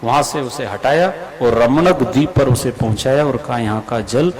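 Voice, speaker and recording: A man preaching a devotional scripture sermon to a live gathering, telling the story in an animated way and asking the audience questions. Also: mid-range voice, moderate pace. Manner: animated storyteller, acts out the characters' lines; asks the audience questions directly. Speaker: Bhagavat katha preacher.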